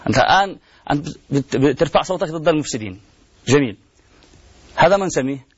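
A man's voice: on the high side, lively intonation, quick pace, breathy edge, no echo. A man, hosting a program and making an impassioned appeal full of pleading rhetorical questions and repeated refrains, on dull lo-fi broadcast audio. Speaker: TV program host.

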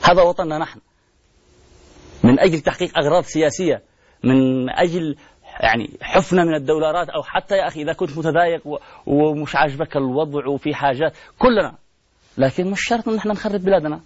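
Fast, husky man pleading on air. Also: a little high, no room sound, muffled recording. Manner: pleading, rhetorical questions, repeated refrains. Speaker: TV program host. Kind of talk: impassioned on-air appeal.

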